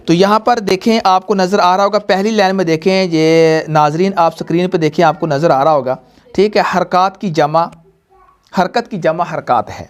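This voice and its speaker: His voice is high and clean. In a Quran reading lesson aimed at students and viewers, the man patiently repeats points and keeps quizzing the class in call-and-response, drilling slowly.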